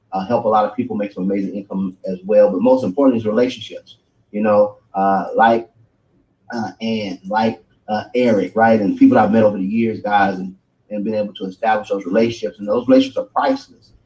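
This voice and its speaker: A middle-aged man, a grandfather, giving a motivational business pitch on a video call, peppering his talk with "right?" and "guys" and hoarse from losing his voice. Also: level tone, brisk, dark tone, poor audio. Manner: hype, repeats "right?" and "guys".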